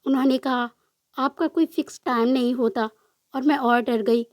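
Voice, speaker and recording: A woman's voice: sits high, steady tone, normal speed, a little mellow, dry recording, studio quality, lightly acted. A tearful, frightened young woman, as a narrator voices her. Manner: trembling, pleading. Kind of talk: storybook narration with voiced dialogue.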